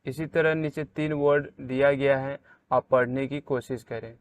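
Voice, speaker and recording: A man teaching English pronunciation in a slow, deliberate way, saying each example word out loud with strong stress. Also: mid-range voice, fairly even intonation. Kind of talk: slow spelled-out pronunciation lesson.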